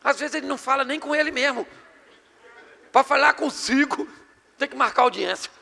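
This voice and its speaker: Brazilian man, middle-aged pastor, gravelly, bright tense voice, long hall echo. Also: very high voice, normal speed. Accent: Brazilian Portuguese. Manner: animated, joking with the congregation. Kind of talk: sermon on marriage and communication. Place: church hall before a live congregation.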